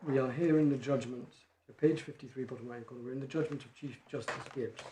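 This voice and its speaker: A barrister making a measured legal argument in court, reading quoted passages from judgments. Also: male voice, medium pitch, fairly even intonation, warm tone. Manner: measured, reads quotations from case law. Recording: echoey courtroom, faint noise.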